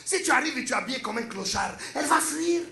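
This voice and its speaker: A man voicing a smooth-talking African man with a West African French accent, giving flowery, boastful dating advice. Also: very high voice, animated, fast, pushed and bright, echoey room, faint music behind, exaggerated voice. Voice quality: grandiose, flowery, emphatic.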